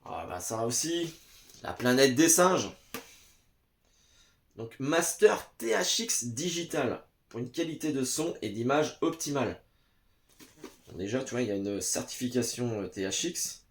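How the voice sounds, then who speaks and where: A man's voice: medium pitch, sing-song, moderate pace, slight background noise. A man chatting casually to the camera at home, hesitant and full of "euh" fillers, talking straight to the viewer. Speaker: vlogger reviewing VHS tapes. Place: home basement. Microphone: camera in front.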